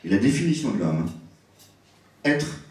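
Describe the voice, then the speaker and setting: A man's voice: fairly low pitch, very animated, measured pace, a little hiss or hum. A man giving a public lecture on word origins, speaking expressively and savouring each word. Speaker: guest lecturer. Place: large hall at an evening event. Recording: echoey hall, voice from a distance.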